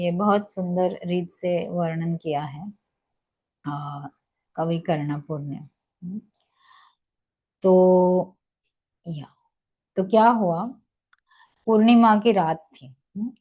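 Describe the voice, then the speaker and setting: A woman narrating a devotional children's story gently, with many pauses and hesitation sounds. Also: on the low side, highs cut off.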